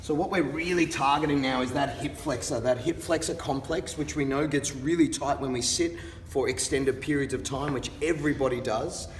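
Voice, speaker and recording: Male fitness coach, careful and unhurried, encouraging instructional delivery, recorded from a distance in a noisy, reverberant hall. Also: mid-range voice. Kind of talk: instructional exercise demonstration with coaching cues. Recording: distant mic, reverberant hall, background noise.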